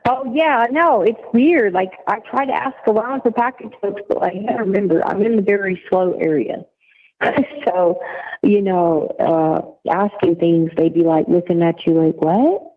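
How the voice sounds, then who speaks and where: A woman's voice: mid-range voice, unhurried. A woman calling from prison, chatting casually and giggling as she tells little stories over a recorded prison phone line. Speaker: inmate caller.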